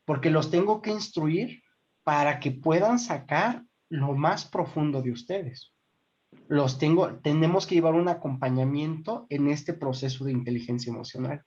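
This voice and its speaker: A woman's voice: low-pitched, normal speed, darkish tone. A woman with a Mexican accent leading a formation class. She explains step by step, keeps checking that her listeners follow, and addresses them as brothers and sisters. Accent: Mexican Spanish. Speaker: formation instructor. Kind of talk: online group class. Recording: dull lo-fi recording.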